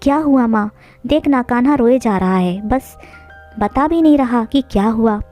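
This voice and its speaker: A woman's voice: a little high, expressive, measured pace, mellow, soft background music. A woman voicing a stern, short-tempered village father who talks bluntly. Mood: firm. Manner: scolding, blunt.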